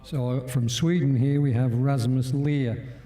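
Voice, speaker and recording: Guy introducing golf players live, really dark soft tone, roomy echo. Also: medium pitch, fairly even intonation, measured pace.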